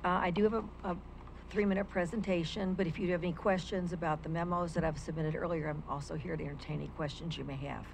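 At a lectern's stand microphone in an indoor county meeting room, an older woman from the United States delivers public comment, reading a prepared legal argument and quoting legal texts in a formal, argumentative way. Her lowish voice is fairly even, quick and fried, with slight background noise on poor audio.

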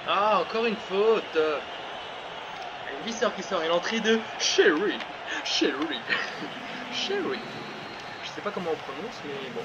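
Commentating on his own football video game, a gaming channel host gets swept up in shouting and laughing, then reins himself back in, his high voice swinging widely in pitch. He talks at an unhurried pace over a loud crowd, and the sound is muffled and lo-fi with constant background hiss.

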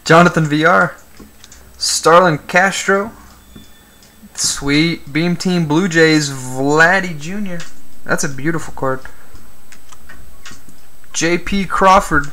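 A man's voice: on the high side, slow pace, pauses often, bright, forceful tone. A man hosting a live stream, reading player names off cards as he opens them and chatting with viewers in between. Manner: reads names aloud, chats with viewers, jokes about yawning. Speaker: card break host. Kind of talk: live-stream commentary while opening cards.

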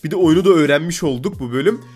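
A man's voice: a little high, rapid-fire, a little mellow, soft background music. A man with a stuffy nose from a cold, hosting a casual let's-play and chattily bossing the game's customers around. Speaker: gaming video host.

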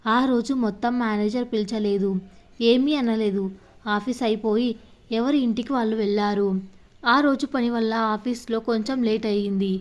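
A young woman narrating a story in a steady, plain reading style. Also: on the high side, moderate pace.

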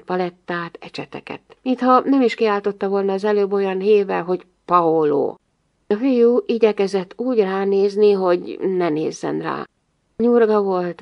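A woman narrating an audiobook in the first person, wry and lively. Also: lowish voice, creaky, highs cut off. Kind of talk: storybook narration.

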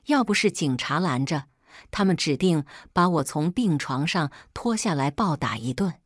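A woman narrates a scripted first-person story in a steady, storytelling manner. Her voice sits low but rises and falls with a lot of movement. The recording is close and dry. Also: moderate pace, no echo.

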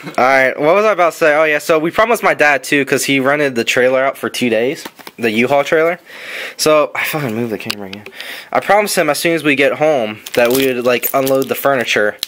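A man's voice: medium pitch, fairly quick, fairly bright tone. Young male host, rambling and profane, casual basement chat, faint noise. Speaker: host opening trading card packs. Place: basement room.

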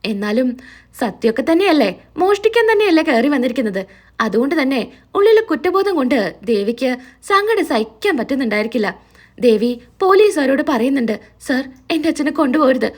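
Animated woman recapping a serial. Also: high-pitched, fairly quick. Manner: animated storytelling. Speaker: television serial review host. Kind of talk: casual episode recap narration.

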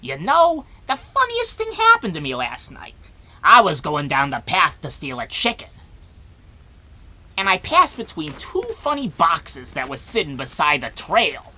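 A performer voicing a folksy, chatty talking animal in a cartoon comic dub, with a raspy voice. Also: medium pitch, huge pitch swings, measured pace, bright, forceful tone, heavily acted. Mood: amiable, hungry. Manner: folksy, colloquial.

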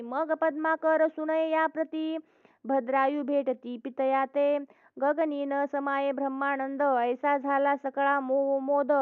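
A high-voiced woman recites devotional verse in a slow, flat, chanting cadence. The sound is thin and phone-like, with no room echo around her. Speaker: scripture reader. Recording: tinny phone-like dry recording.

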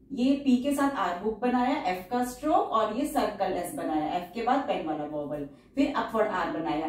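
Woman, shorthand teacher, slow careful explanation, repeats words, very echoey room. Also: mid-range voice, distant mic. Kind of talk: step-by-step explanation of shorthand outlines.

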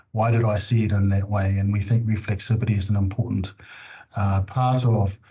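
Dark-voiced New man presenting. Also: mid-range voice. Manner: measured, reflective, frequent um fillers. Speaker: panel presenter, professor. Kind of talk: webinar presentation. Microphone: video call. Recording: muffled video call audio.

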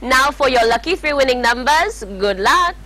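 A young woman presenting a scripted televised lottery draw, announcing numbers in a formal, measured way. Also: high voice, expressive, background noise. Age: young adult. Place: TV studio. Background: faint music.

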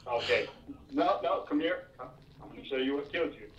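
A man's voice: mid-range voice, lively intonation, a little fast, a bit bright, dull audio, slight background noise. A young man bossing and teasing his friend while they play a shooter game, swearing casually. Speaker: gamer co-host. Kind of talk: casual gaming chat.

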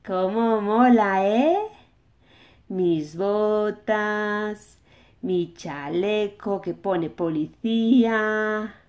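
Woman playing a chatty toy policeman from Spain, unhurried. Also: medium pitch, darkish tone, highs cut off. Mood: chatty, proud. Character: friendly, bossy toy policeman showing off his gear. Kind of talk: toy play-acting for children.

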